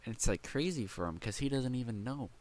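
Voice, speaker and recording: A young man reading a novel aloud, stumbling over words now and then and stopping to react with excited commentary. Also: medium pitch. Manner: reads haltingly with slips, breaks off to react excitedly. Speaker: light novel reader and reactor. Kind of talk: casual read-aloud with commentary.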